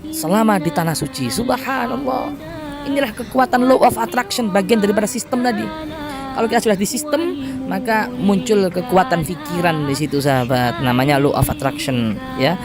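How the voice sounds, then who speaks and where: A man who preaches in a lively storytelling style and often addresses his congregation directly. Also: on the high side. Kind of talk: storytelling sermon.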